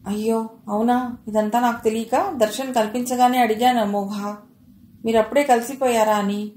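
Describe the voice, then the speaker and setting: A sympathetic young woman friend, voiced by a woman narrator, consoling and encouraging. Her voice is slightly high. The room adds echo. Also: steady tone, normal speed, a little mellow, lightly acted. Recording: roomy echo.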